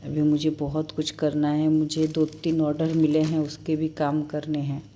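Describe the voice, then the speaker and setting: Soft, low-voiced woman showing photos. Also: completely flat delivery, a little hiss or hum. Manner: soft-spoken, halting and emotional. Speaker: vlogger. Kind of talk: casual vlog chat showing a wedding album.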